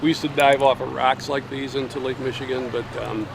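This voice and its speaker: A man chatting casually outdoors by a lake, reflective, with "um" pauses. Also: mid-range voice, flat delivery, vocal fry, background noise. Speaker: interviewee. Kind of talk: casual chat.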